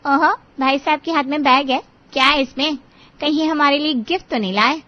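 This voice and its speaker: A woman's voice: high voice, moderate pace, highs cut off, natural voice. A woman voicing a cheeky young sister who teases her brother. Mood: teasing. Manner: teasing, mocking.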